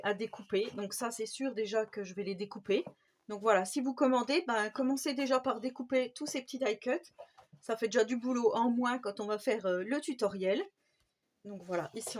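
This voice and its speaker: A woman with a French accent hosting a casual craft vlog, chatty and enthusiastic, with many fillers. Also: a little high. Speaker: scrapbooking channel host.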